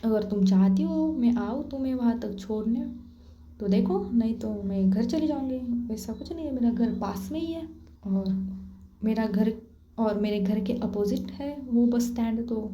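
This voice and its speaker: A bossy, hot-tempered college girl scolds and gives orders in an imperious tone, as a woman storyteller puts her on. Her voice sits a bit high but stays mellow and dark. The recording is roomy and muffled. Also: a little slow, a little hiss or hum, natural voice. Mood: teasing.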